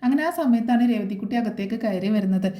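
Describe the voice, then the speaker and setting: A woman's voice: medium pitch, fast talker, dark tone. A woman retelling upcoming soap opera episodes in a chatty way, with lots of filler sounds. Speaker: serial episode recapper. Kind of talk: casual plot retelling.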